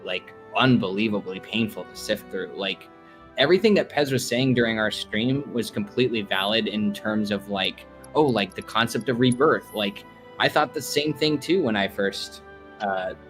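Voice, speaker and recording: A man's voice: on the low side, normal speed, fairly bright tone, soft background music. A man co-hosting a casual stream chat, rambling with lots of fillers. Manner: rambling, heavy use of "like". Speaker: stream co-host.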